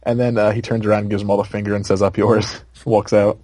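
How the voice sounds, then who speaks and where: Low, mellow young man rambling casually. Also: flat delivery, fast talker, no room sound. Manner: rambling, filler-heavy, laughs often. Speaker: podcast co-host. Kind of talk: casual chat.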